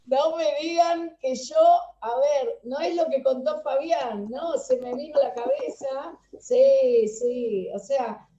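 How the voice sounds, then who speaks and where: Woman, workshop teacher, slow speech, echoey room, dull sound. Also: sits high, animated, warm tone, soft background music. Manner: unhurried, hesitant with fillers. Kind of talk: online class talk.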